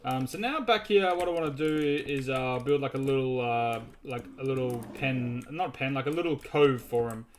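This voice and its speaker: A man's voice: medium pitch, moderate pace, few pauses. A man hosting a casual gaming video, narrating his building as he goes in a chatty, rambling way with many restarts. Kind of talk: casual gameplay commentary.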